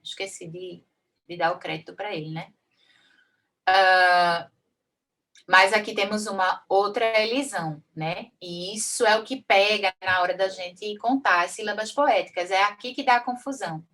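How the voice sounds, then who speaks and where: A woman from Brazil teaches a workshop on folk verse, explaining step by step in a bright, forward voice. Her pitch sits mid-range for a woman. She recites example lines slowly and with a steady beat, and she often tags her sentences with a quick "né". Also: distant mic. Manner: frequent "né" tags and small restarts. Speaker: cordel poet and workshop teacher. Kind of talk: online workshop lesson.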